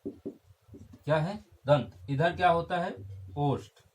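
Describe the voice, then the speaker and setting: A man's voice: fairly high pitch, slow pace, darkish tone, a little hiss or hum. A young man teaching a Hindi grammar lesson, repeating key terms and checking in with his class.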